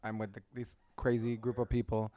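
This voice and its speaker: A man's voice: lowish voice, monotone, a little fast, warm tone, dry recording. A man in his thirties from El Salvador, an engineer and mentor speaking on a conference panel, rambling and enthusiastic. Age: 30s. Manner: rambling and enthusiastic, many restarts and "like"s.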